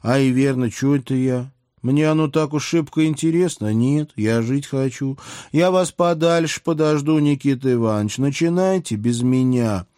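A man's voice: mid-range voice, warm tone, clear, resonant tone, no echo, studio quality, pitched above the performer's own voice, lightly acted. A man doing a cheeky folksy demon princess. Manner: folksy colloquial speech, quick wry retorts. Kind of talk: audiobook character voice.

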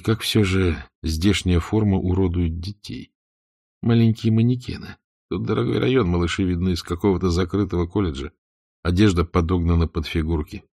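A man with a very low voice reads a novel aloud, steady and unhurried. The recording is close and dry, with no room sound around him. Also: dry recording. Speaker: audiobook reader. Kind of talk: audiobook narration.

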